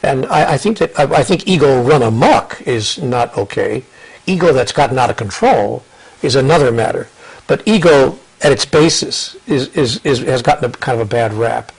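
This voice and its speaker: Earnest older man, husky voice. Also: medium pitch, normal speed, rough recording. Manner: earnest, repeats words and restarts, quotes others in lively asides. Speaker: interview guest, author. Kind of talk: reflective conversational storytelling.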